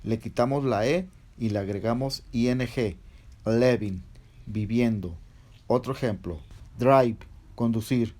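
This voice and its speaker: A man's voice: mid-range voice, measured pace, warm tone. A man teaching English verb rules in a patient, step-by-step lesson, spelling out letters one by one. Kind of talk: slow step-by-step grammar explanation.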